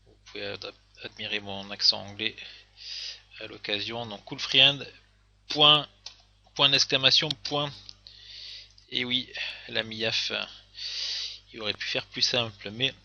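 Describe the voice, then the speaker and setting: A man's voice: mid-range voice, slow, gravelly, long pauses, pushed and bright, dull audio. A man casually commenting on game replays, hesitant, with many fillers and restarts.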